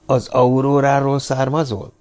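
A man's voice: mid-range voice, monotone, darkish tone, voice pushed up, natural voice. A man reading an audiobook, voicing a humanoid male robot who questions firmly and insistently, his voice raised above his narrating tone. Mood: urgent.

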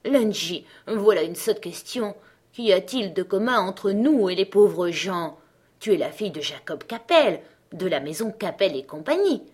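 Gruff stingy merchant, curt and impatient, as a woman reads him, storybook. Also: mid-range voice, expressive, unhurried, darkish tone.

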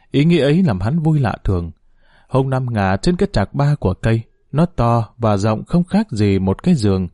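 A male storyteller with a middle-pitched voice who reads a short story in a slow, somber way. The sound is dry and close, with no room sound. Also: mellow, no room sound. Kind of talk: scripted narration of a short story.

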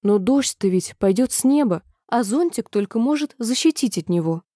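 A woman doing a curious little girl, higher voice. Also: expressive, normal speed, dark tone, no echo, studio quality. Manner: earnest, questioning.

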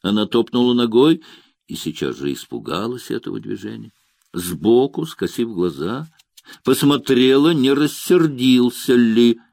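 A man narrating a literary novel as an audiobook with measured, expressive reading. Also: medium pitch, vocal fry, dry recording, clean studio sound.

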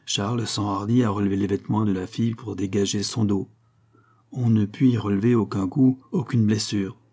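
A man narrates a crime novel in a low, husky voice. His tone is dark and mellow. The reading is measured and even. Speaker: audiobook narrator.

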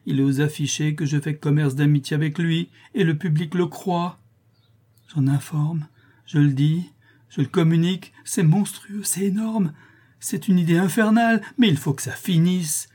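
A man's voice: mid-range voice, expressive, normal speed, dark tone, breathy edge. A man voicing a despairing old male porter who is easily upset, in a read-aloud novel. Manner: dramatic, wailing complaints.

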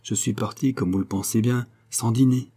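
A man reading aloud and voicing a cold, brusque middle-aged aristocratic husband with a low, rough voice. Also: fairly even intonation, normal speed, warm tone, natural voice. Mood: curt. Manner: brusque, impatient.

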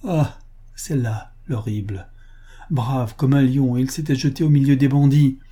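A man's voice: fairly even intonation, measured pace, mellow, husky. A man voicing a grief-stricken young kidnapped bride, reading a pulp adventure audiobook in anguished outbursts. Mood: horrified. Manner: sobbing, breathless outbursts, rising pitch in grief.

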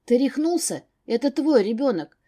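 A woman's voice: on the high side, big pitch swings, normal speed, mellow, voice pushed up. Woman playing a frightened pleading young woman. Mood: distressed.

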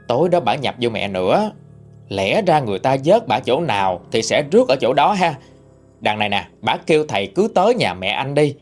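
Animated man telling a ghost story. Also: a little high. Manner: conversational, animated retelling. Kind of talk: storytelling narration.

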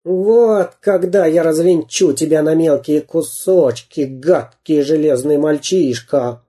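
A narrator voicing a brutish bearded pirate captain in a gruff, barking way. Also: mid-range voice, takes it slowly, warm tone, close to an everyday voice. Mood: gloating. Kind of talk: audiobook character voice.

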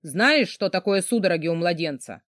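A woman voicing a gruff, burly male boss who barks rude commands and swears. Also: high voice, animated, moderate pace, a bit bright, no room sound, studio quality, voice pushed down. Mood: gruff angry.

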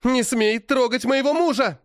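A man voicing a fierce young woman warrior defending her husband, shrill and fiery, in an audiobook. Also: a little slow, no echo, clean studio sound, close to an everyday voice. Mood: defiant. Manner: furious, pleading, shrill.

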